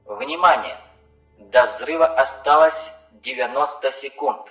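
Calm ship computer voiced by a male narrator: impassive, flat, measured countdowns, slow, through a roomy intercom with faint music under it. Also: medium pitch, lo-fi sound, voice pushed up. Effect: echoing ship intercom. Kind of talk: audiobook narration.

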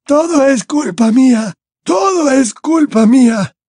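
A male audiobook reader voicing an elderly wizard headmaster with slow, high, drawn-out pleas. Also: sing-song, warm tone, breathy edge, no room sound, studio quality, full character voice. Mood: terrified, begging. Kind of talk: audiobook character voice.

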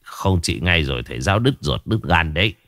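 A man voicing a stern, gruff old male village shaman in a spoken ghost story. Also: low-pitched, big pitch swings, a bit bright, no echo, studio quality, pitched below the performer's own voice, full character voice. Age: older. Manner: gruff, commanding, slow.

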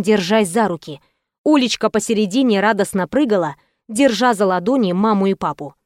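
Woman audiobook narrator, steady expressive reading, fairly high voice, dry close sound. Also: dry recording. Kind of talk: first-person audiobook narration.

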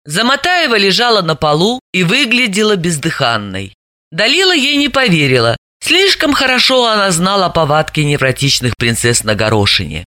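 A woman narrating an audiobook in an expressive storytelling manner. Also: fairly low pitch, moderate pace, dry recording, clean studio sound.

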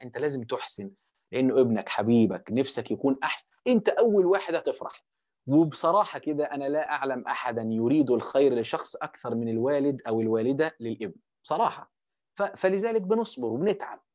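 A man's voice: mid-range voice, darkish tone. A man with an Egyptian accent giving a conversational religious lecture on parenting, posing questions and answering them himself. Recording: dull lo-fi audio.

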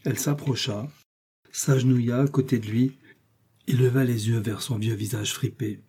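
Man, audiobook narrator, calm, measured, mellow, slightly husky. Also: medium pitch.

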